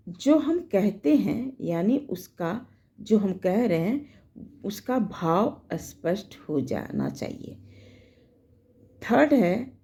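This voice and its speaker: A woman teacher explaining a grammar lesson, slowly going through quiz questions and repeating her points. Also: mid-range voice, creaky, mellow.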